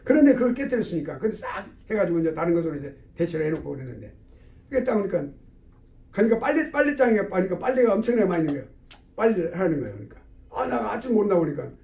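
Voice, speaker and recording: A male theology professor telling a story in an animated lecture, in an echoey room away from the mic. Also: sits high, very fast, distant mic. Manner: animated, with acted-out dialogue.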